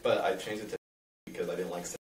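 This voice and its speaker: A man's voice: low-pitched, fairly even intonation, fast. A young adult man being interviewed, explaining things casually in a hesitant, rambling way. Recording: echoey room, distant mic, faint noise.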